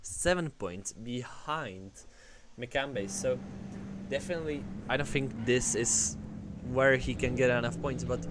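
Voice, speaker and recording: A man's voice: medium pitch, a little slow, noisy background. Chatty male sim racing commentator. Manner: relaxed, chatty, reads viewer messages. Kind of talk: live race commentary.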